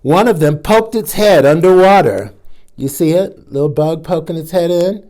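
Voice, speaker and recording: A drag queen hosts a children's storytime, reading aloud and chatting with young listeners in asides. His voice is fairly high yet darkish in tone, delivered at a normal pace.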